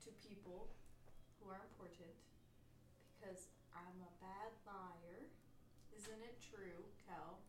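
A woman's voice: medium pitch, takes it slowly. A woman playing a tabletop game, talking in a giggly, playful way. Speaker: player. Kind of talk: casual tabletop play. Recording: roomy distant mic, faint hiss.

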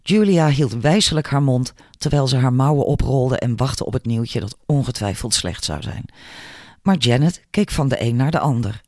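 An audiobook narrator with a medium-pitched voice reads a scripted story in a measured, expressive way. The recording is clean studio sound with no room ambience.

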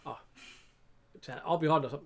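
A man's voice: fairly high pitch, gravelly. A man chatting casually while watching a film, chuckling often and retelling scenes. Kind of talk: casual chat.

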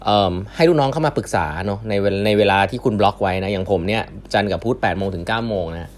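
A middle-aged man hosting a podcast, talking through workplace ideas in a relaxed, chatty way. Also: on the low side, fast talker. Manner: relaxed, chatty, adds frequent polite particles. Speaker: podcast host. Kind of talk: casual explanatory talk.

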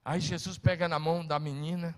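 Male pastor, emphatic sermon delivery, higher voice, long church-hall reverb. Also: little pitch movement, a little fast. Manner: emphatic, swings between loud and hushed, calls on listeners to repeat.

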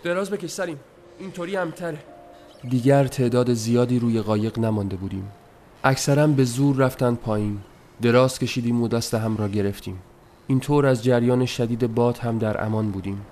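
Soft, somber male audiobook narrator. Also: mid-range voice, fairly even intonation. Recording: noisy recording.

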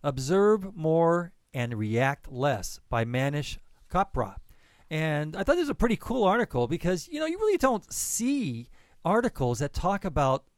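A man co-hosting a podcast in casual chat, lively and quick to laugh. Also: a little high, dry recording, clean studio sound. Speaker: podcast co-host.

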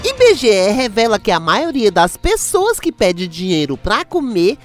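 A woman co-hosting a radio comedy show, reading comic news headlines briskly. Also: mid-range voice, wildly swooping pitch, faint music behind.

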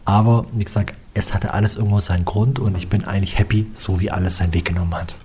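A young German musician talks casually and at length as a guest in a relaxed interview, chatty and rambling with plenty of filler phrases. His voice is fairly low, steady, quick and a little mellow, with slight background noise.

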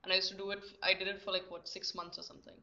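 A woman's voice: mid-range voice, level tone, racing, sharp tone. A young woman, a podcast guest chatting candidly and self-deprecatingly, with many fillers and restarts. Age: young adult. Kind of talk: casual podcast chat. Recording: slightly muffled lo-fi recording.

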